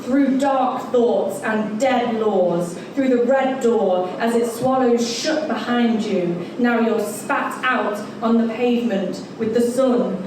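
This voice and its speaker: A woman performing a live poetry reading at a bar event, with an expressive, dramatic delivery. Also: fairly high pitch, slow pace, few pauses. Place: bar event space, indoors. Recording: echoey room from far off, noisy ambience.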